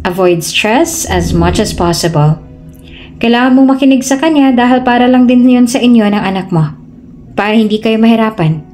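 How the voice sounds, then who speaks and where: A woman voicing a caring young man who comforts a crying friend, teasing her gently in a storybook tale. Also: a little high, moderate pace, faint music behind, close to an everyday voice.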